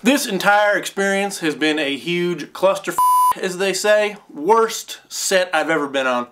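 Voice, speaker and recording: A man's voice: sits high, measured pace, heavy background noise. Young male actor, brash and crude, a grumbling complainer. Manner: brash, foul-mouthed, grumbling. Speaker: actor on the set. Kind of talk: comedic improvised mockumentary.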